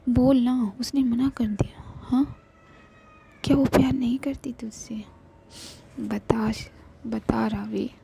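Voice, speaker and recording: A woman with a cold voicing a caring young woman who comforts a crying friend, soothing and pleading in a breathy half-whisper. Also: fairly high pitch, takes it slowly, long pauses, slight background noise. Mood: pressing. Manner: soothing, then pleading and excitable. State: has a cold and flu.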